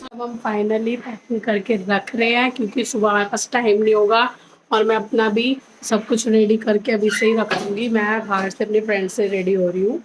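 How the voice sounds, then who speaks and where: Against a noisy background, this young woman talks casually in a family vlog, showing things to the camera one after another despite a sore throat. Her voice is medium-pitched with little pitch movement, and she keeps a moderate pace.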